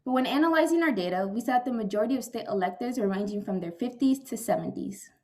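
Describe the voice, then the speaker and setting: Female teen student presenter, higher voice, scripted startup pitch delivery. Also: animated, fast talker, warm tone. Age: teenager.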